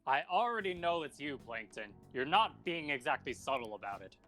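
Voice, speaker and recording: A man voicing a middle-aged cafe owner who talks in a dry, deadpan, weary way. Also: a little high, moderate pace, soft background music. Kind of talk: fan comedy dub.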